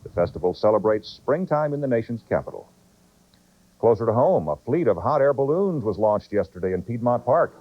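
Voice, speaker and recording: Husky, lively male morning anchor. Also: mid-range voice, fairly quick. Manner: smooth newsreader delivery. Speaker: news anchor. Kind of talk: morning news reading and banter. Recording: dull old broadcast tape.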